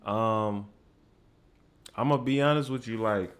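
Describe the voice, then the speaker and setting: A man's voice: on the low side, slow. A young adult man hosting a reaction video, talking casually in slang and tagging lines with "man". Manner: laid-back slang, frequent "man" and "you feel what I'm saying".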